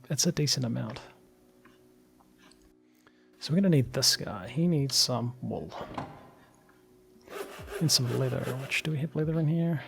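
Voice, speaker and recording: Male let's player, a little hoarse, gravelly and relaxed, casual commentary over quiet music. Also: mid-range voice. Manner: chatty, thinks aloud with fillers and small laughs. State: slightly hoarse. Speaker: let's play gamer.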